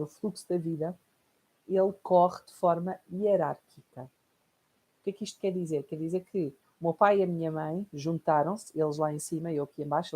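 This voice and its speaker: A European Portuguese woman with a slightly low voice gives a recorded online lesson. She explains her points reflectively and keeps checking in with her listeners through tag questions. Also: mellow, slightly rough. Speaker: course teacher.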